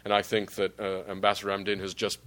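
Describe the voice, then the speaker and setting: A man from Mexico speaking as an ambassador on a panel, giving formal policy remarks in measured, articulate, long sentences. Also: fairly low pitch, monotone, a bit bright.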